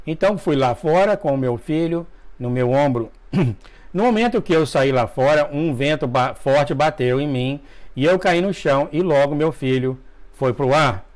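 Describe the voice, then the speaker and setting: A man reading a dream testimony aloud to viewers, emotional, with asides, often coughing and clearing his throat. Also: mid-range voice, darkish tone. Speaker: religious video narrator.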